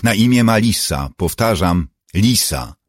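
A brisk fire officer barking clipped commands into his radio, a little louder and sharper than the telling around him, as a man with a low husky voice reads him. The sound is dry and close. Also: expressive, no room sound. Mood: commanding. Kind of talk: audiobook dialogue.

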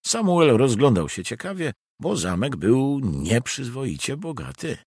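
A man reading a historical novel aloud as an expressive audiobook narrator. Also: medium pitch, measured pace, breathy edge, dry recording, clean studio sound. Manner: expressive storytelling.

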